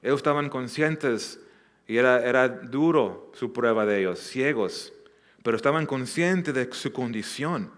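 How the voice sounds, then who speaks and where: Speaking at a measured pace in a medium-pitched voice, a pastor from Southern California works through a Bible passage one verse at a time. He's earnest, often restarting and repeating words, and he performs the quoted lines.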